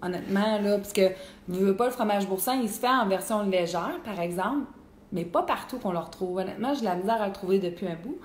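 A woman's voice: mid-range voice, fast. A young woman with a Québécois accent hosting a live cooking stream, chatting casually and answering viewers. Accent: Québécois French. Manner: chatty and animated, full of fillers. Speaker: cooking show host. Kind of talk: live-stream cooking chat reading comments. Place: home kitchen. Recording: echoey room with faint noise.

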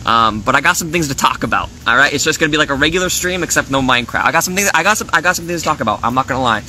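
Bright-voiced man rambling on a live stream. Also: fairly high pitch, lively intonation, very fast, slight background noise. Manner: rambling, lots of fillers and restarts; swears freely, aggrieved venting. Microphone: phone.

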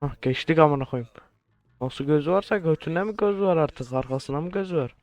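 A man talking over a game he is playing, joking crudely, swearing constantly and sounding baffled by what happens. His voice sits a little high and comes across smooth and clean. The sound is dry and close. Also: moderate pace, a little mellow, dry recording. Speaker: gamer. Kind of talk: let's play commentary.

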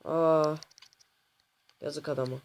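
A man hosting a gaming channel, commenting casually on his gameplay to viewers, often exasperated and complaining out loud at the game. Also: a little high, fairly even intonation, slow pace. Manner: talks to viewers directly.

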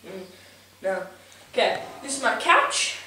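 A young woman giving a comedic mock tour of a house, boasting deadpan with sudden yelps, filmed indoors on a home camera from a distance. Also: on the high side, unhurried. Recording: echoey room, distant mic, noisy home video.

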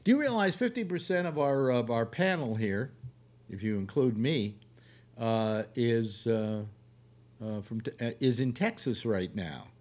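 A man's voice: medium pitch, lively intonation, measured pace, darkish tone. An older man hosting a casual panel chat on a video call, opinionated and full of questions. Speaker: host of a live panel show. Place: book-lined room at home.

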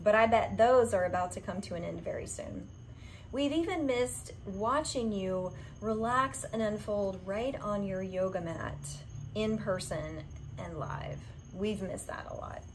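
A woman's voice: mid-range voice, unhurried, slight background noise, rough recording. A woman in her forties, a yoga studio owner, giving a heartfelt direct-to-camera update from a covered outdoor patio, recorded on a camera at arm's length. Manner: warm, heartfelt, earnest.

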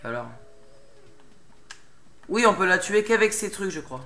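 A man's voice: high-pitched, very animated, unhurried, pushed and bright. A young man doing casual commentary while playing a game, getting worked up, pleading with and swearing at a boss. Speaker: let's play gamer. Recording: game music behind the voice.

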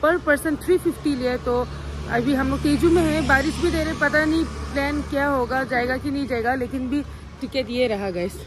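A woman's voice: high voice, moderate pace. Young woman host, chatty vlog delivery, phone-recorded outside with faint background noise. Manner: chatty, addresses viewers as guys often. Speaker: vlogger. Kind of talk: casual travel vlog talk to viewers. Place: outdoors by a river and roadside, rainy. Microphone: phone camera held at arm's length.

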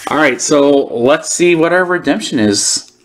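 A man's voice: a little high, expressive, a little slow, a little hiss or hum. A man hosting a sports card channel, giving casual, informal unboxing commentary as he thinks aloud.

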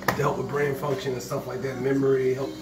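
A man cooking in a home kitchen, talking in a relaxed, conversational way. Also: medium pitch, quick pace, over a noisy crowd. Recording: echoey, from across the room.

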